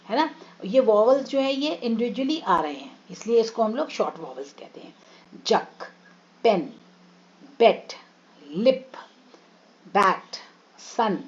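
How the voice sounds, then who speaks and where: A woman with an Indian English accent teaching phonics to children, sounding out each word slowly and mixing Hindi with English. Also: mid-range voice, darkish tone, dull audio. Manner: slow, drawn-out teaching voice, sounding out words one by one; mixes Hindi and English, addresses students as children. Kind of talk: online phonics lesson for children.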